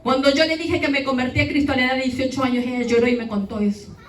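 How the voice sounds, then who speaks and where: A woman's voice: high voice, steady tone, rapid-fire, a little hiss or hum. Woman giving testimony in echoey church. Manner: emotional storytelling, addresses the congregation directly. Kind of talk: testimony sermon. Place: church hall. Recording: echoey church hall, far off, faint ambience.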